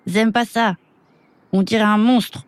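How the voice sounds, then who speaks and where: A woman's voice: fairly even intonation, measured pace, dry recording, lightly acted. Woman voicing a timid, wide-eyed little boy. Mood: scared. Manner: high, wide-eyed and eager. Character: timid small boy companion.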